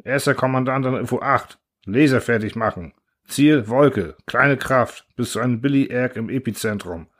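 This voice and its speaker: A man's voice: mid-range voice, moderate pace, close to an everyday voice. A man reading a storybook voicing a male expedition commander giving curt orders. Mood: commanding.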